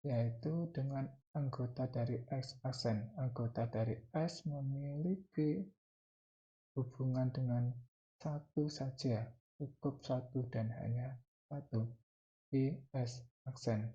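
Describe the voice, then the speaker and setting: A man's voice: mid-range voice, fairly even intonation, takes it slowly, long pauses, dark tone, highs cut off. A man with an Indonesian accent teaching mathematics step by step, dictating in short phrases and repeating key terms. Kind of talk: spoken math lesson, explaining step by step.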